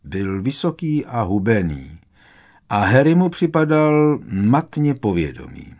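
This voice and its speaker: A man narrating a fantasy novel as an audiobook in a steady, measured storytelling manner. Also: mid-range voice. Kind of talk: scripted narration.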